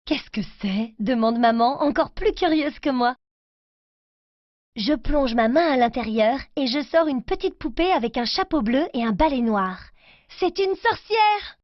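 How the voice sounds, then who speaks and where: A woman reading a children's story aloud, slowly and clearly, in a careful reading voice for children. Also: high voice, expressive, no room sound, muffled recording.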